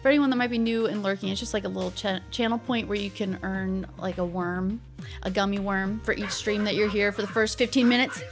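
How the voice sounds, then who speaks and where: Woman, high voice, playful gamer-girl streamer, bubbly, casual chat with viewers, faint background music. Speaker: live streamer host. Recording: music behind the voice.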